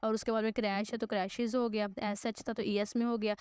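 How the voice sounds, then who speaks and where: Woman teacher, online class, patient explainer, mixes English terms into Hindi-Urdu, smooth voice. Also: fairly high pitch, little pitch movement, brisk, a little mellow, dry recording, studio quality. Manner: patient, repeats "ठीक है" to check understanding.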